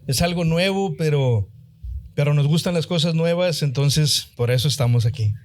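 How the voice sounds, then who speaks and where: Man, northern Mexican accent, podcast guest, humble, filler-heavy, fairly high voice. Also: normal speed, darkish tone. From Linares, Mexico. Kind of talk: casual interview storytelling.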